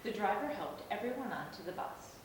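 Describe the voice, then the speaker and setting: A woman reading a storybook aloud in an expressive, animated way, as if to a toddler. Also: brisk. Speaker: storybook reader. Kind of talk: animated read-aloud to young children. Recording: echoey room, distant mic, noisy rumble.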